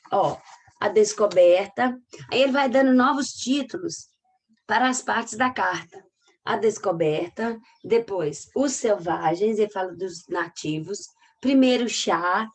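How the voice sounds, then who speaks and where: A woman's voice: mid-range voice, far from the mic. A woman teacher from Minas Gerais with a Mineiro accent, chatting her way through a recorded class and searching aloud for pages. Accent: Mineiro Brazilian Portuguese. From Minas Gerais, Brazil. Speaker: literature teacher.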